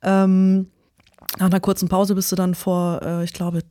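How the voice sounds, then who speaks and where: An interviewer with a mellow, warm tone asks questions in a friendly, easygoing way, hedging often. The recording is dry and close. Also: medium pitch, completely flat delivery, moderate pace, no echo.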